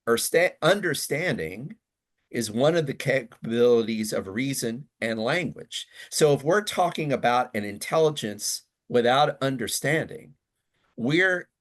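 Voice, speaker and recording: A man co-hosts an academic podcast in a relaxed discussion. He picks his words carefully, hedging and restarting sentences to qualify each point. His voice sits at an ordinary male pitch. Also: measured pace. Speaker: podcast co-host.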